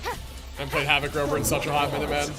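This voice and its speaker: With game music and sound effects running underneath, this young adult streamer delivers rapid-fire, monotone commentary at a medium pitch. The reactions to the gameplay are casual, slangy and full of exclamations.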